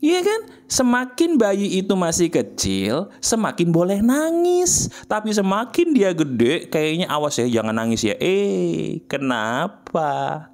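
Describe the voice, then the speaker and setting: A man giving a motivational monologue straight to the listener. He coaxes and repeats himself, asks rhetorical questions, and swings between soft low murmurs and high emphatic bursts. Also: sing-song, slow, creaky. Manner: intimate, coaxing, with frequent repetition and rhetorical questions. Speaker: motivational speaker.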